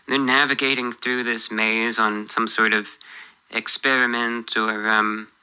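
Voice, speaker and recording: A man speaking in a calm, understated, mildly bemused way in a casual monologue, answering viewer emails as a YouTuber. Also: mid-range voice, smooth, low-quality recording.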